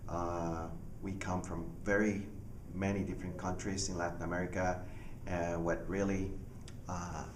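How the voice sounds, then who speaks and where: A man, a pastor speaking earnestly about his ministry with halting restarts. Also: low-pitched, flat delivery. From Panama. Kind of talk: personal ministry testimony. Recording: echoey room, far from mic, audible noise.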